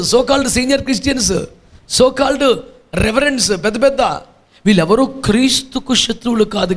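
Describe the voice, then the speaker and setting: Pastor guy preaching hard, pretty high voice, keeps throwing questions at the crowd and listing stuff. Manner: emphatic, fires rhetorical questions at the congregation; repetitive listing, mocking asides. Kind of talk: sermon.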